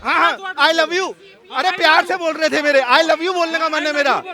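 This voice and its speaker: A man's voice: very high voice, a little fast. A man in a heated street debate, insisting on his turn to speak and answering sarcastically. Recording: crowd noise behind.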